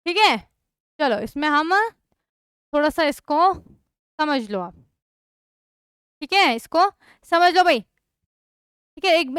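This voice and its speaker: Young woman chemistry tutor, high bright pitch, dry close sound, quizzes the class. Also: dry recording. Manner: repeats questions to students, checks understanding often. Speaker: chemistry teacher. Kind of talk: online class lesson.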